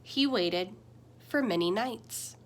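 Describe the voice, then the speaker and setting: Reading a children's picture book aloud as a teacher, a young adult woman sounds gentle and expressive, her pitch and volume swinging widely. She takes it slowly, with slight background noise.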